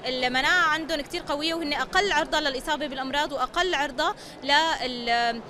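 Rapid high-voiced lecturing woman. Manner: fluent, lecturing, with frequent fillers. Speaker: psychological support worker, lecturer. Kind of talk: interview, explanatory. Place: busy indoor exhibition hall. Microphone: handheld interviewer mic. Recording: noisy busy hall.

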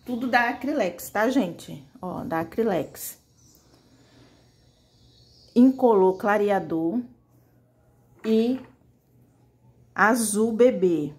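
A woman's voice: a little high, lively intonation, slow. Woman doing a laid-back painting tutorial, chatty, talks right to the viewers while painting. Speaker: fabric painting teacher. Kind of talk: casual tutorial.

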